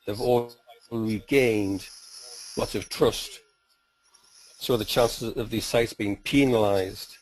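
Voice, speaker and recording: A man teaching search-engine tactics in a steady, explanatory webinar style. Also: on the low side, slightly rough, poor audio. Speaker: SEO trainer.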